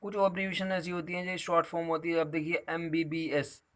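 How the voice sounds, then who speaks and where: A male teacher walks his students through a grammar lesson. His voice sits a little on the high side, and he explains patiently, slipping in a fond "beta" as he goes. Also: little pitch movement, brisk, a bit bright.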